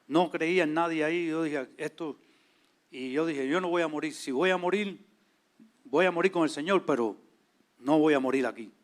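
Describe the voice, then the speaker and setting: A man, telling his testimony in a lively way and acting out the voices of people in his story. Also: a little high, moderate pace. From Cuba. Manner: animated, acts out quoted voices. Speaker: church servant leader, guest.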